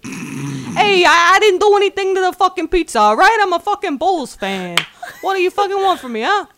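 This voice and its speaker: A woman's voice: very high-pitched, expressive, moderate pace, background noise, pitched above the performer's own voice. A woman putting on the voice of an aggressive, cursing male sports fan who is denying he did anything wrong. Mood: defensive. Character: belligerent, swearing male sports fan accused over pizza.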